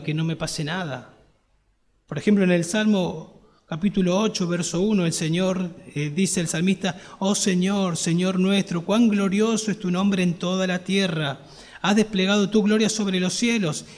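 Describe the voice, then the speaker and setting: A man's voice: high-pitched, a little mellow. A man with an Argentine accent, a pastor preaching an earnest sermon that swells to emphatic peaks. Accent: Argentine Spanish. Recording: long reverb of a church hall.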